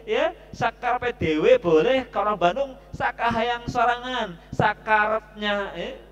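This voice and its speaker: A man teaching Quran recitation at a mosque study session, chatty and joking, drilling the audience with slow, drawn-out recitations. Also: extremely high pitch, fairly bright tone, muffled recording.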